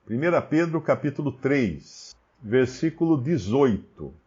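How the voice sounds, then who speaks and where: Male Bible commentator, lively swooping delivery, mellow tone, dull lo-fi recording. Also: mid-range voice, measured pace. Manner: animated, many rhetorical questions.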